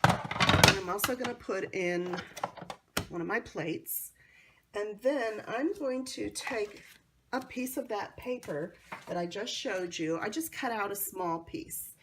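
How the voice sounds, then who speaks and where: An American woman with a hoarse, cold-affected voice hosts a casual how-to craft demonstration in a chatty, enthusiastic way. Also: mid-range voice, takes it slowly, heavy background noise. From North Carolina, United States. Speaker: craft tutorial host.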